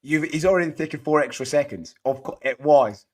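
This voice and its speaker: A Scottish man with a hoarse, half-lost voice, chatting casually and enthusiastically as host of a fantasy football show. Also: a little high, a little fast. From Scotland. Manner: matey, rambling, enthusiastic. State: hoarse, voice partly lost from shouting. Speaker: podcast host.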